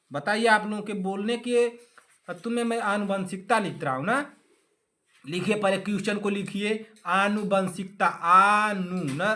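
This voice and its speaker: A man's voice: high-pitched, pushed and bright. A man teaching an online exam class, scolding his students in a playful, sarcastic way and repeating himself, in with a tinge.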